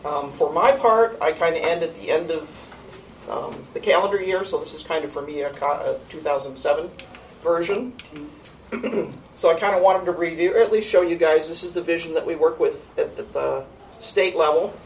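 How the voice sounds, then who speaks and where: A woman coordinating a youth program talks through her annual report to a board at normal speed, her low voice informal and conversational, with frequent ums and restarts. She's recorded on a distant mic in a meeting room with faint noise.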